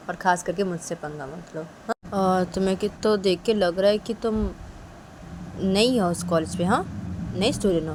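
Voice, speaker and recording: A woman's voice: fairly low pitch, a little mellow, a little hiss or hum, lightly acted. A woman voicing a bossy, threatening female college bully who keeps jabbing listeners with demanding questions. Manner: bullying, keeps tacking on "हाँ?".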